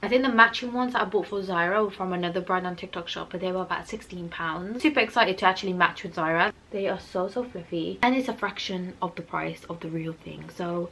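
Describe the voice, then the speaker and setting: A woman's voice: on the low side, brisk, hardly any pauses, sharp tone. A British woman chatting casually to viewers as a haul vlogger, with a bubbly, gushing, emphatic manner. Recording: noisy recording with clicks.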